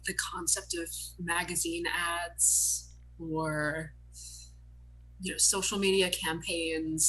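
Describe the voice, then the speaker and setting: A nineteen-year-old woman interviewed over a video call, thoughtful and quick to rush through her points. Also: on the low side, bright, forceful tone, a little hiss or hum, poor audio. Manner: thoughtful, speeding up mid-sentence.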